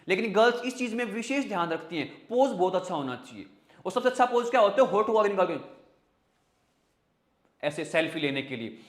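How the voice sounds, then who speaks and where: A man's voice: high voice, a bit bright, roomy sound. A man teaching an online vocabulary class in a joking, chatty way, using memory tricks and talking to viewers.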